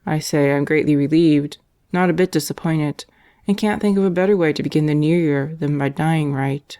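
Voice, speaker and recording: A woman voicing a calm, devout male prisoner whose letters are gentle and resigned. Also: low-pitched, moderate pace. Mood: earnest.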